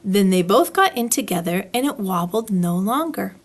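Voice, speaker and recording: A woman with a medium-pitched voice reads a children's story aloud, using an expressive, deliberate storytelling style.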